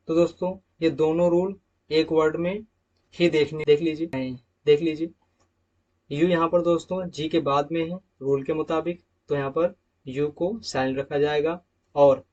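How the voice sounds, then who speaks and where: Guy doing an english lesson, pitch on the high side, says each example word twice, muffled lo-fi audio. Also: darkish tone. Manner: explains each rule in Hindi, repeating example words. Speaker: English teacher. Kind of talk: slide-based pronunciation lesson. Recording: dull lo-fi sound.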